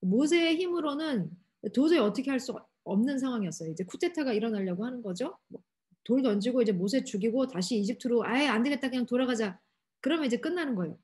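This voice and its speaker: A woman youth pastor giving a lively sermon to teenagers, asking them many questions and acting out quotes. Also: on the high side, quick pace, husky. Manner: asks the audience many questions, acts out quotes animatedly. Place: church hall.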